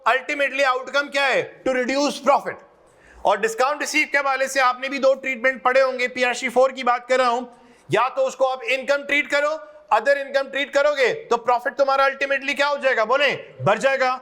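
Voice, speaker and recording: Speaking at normal speed with fairly even intonation, this accounting lecturer has a very high-pitched, sharp voice. In his classroom lecture he drops in English terms, quizzes the students along the way, and jokes and teases them.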